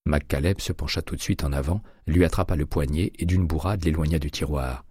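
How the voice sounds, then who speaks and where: A man reading a thriller audiobook in a steady, measured voice, recorded close and dry. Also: a bass voice, husky, no echo. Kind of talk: audiobook narration.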